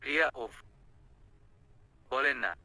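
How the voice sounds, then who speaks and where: A man's voice: mid-range voice, slow, gravelly, bright, forceful tone, dry recording, full character voice. A man voicing an impatient young woman. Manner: impatient, direct questioning.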